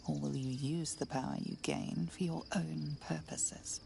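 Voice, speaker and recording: A woman voicing the narrator of a fantasy game, speaking to the player in a measured, ominous second person. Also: deep voice, steady tone, creaky, background noise, exaggerated voice. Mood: foreboding. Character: grave omniscient female narrator of a fantasy game. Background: game music.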